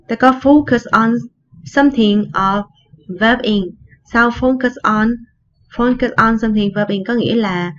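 A woman teaching an English lesson, explaining words in Vietnamese and slowly repeating the English phrases. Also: a little high, lo-fi sound. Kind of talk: recorded online lesson explaining vocabulary.

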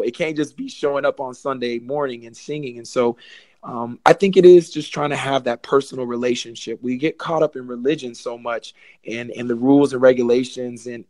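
A man's voice: mid-range voice, darkish tone, no echo. A young man, a gospel singer, talking earnestly on a podcast about faith and sharing his story. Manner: earnest, preachy, addresses listeners as y'all. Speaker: podcast guest, gospel artist. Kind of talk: casual testimony chat.

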